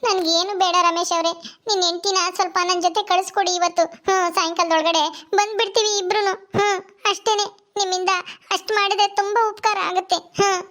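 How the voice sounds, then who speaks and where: Woman doing a crying young wife, super high pitched and quick, pleading nonstop. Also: little pitch movement, fairly bright tone. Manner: pleading, sobbing.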